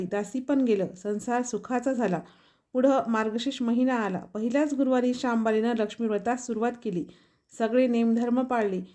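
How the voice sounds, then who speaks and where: A woman reading aloud a devotional folk story in a steady, measured storytelling manner. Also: fairly high pitch.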